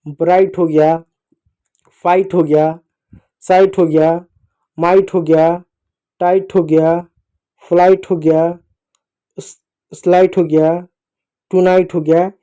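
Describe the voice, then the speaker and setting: Male children's English teacher, deep mellow tone, patient and repetitive, spells words out slowly. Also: flat delivery. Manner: patient and repetitive, keeps addressing the children directly; slowly spells out letters and lists example words. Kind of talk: recorded phonics lesson.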